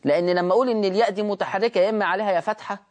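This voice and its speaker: An Egyptian Arabic-accented man leads a Tajweed recitation lesson. He keeps firing questions at the class and answering them himself. He drags out example words slowly to show how they should be pronounced. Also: sits high. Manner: asks and answers his own questions, drawn-out demonstrations. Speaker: Quran recitation teacher.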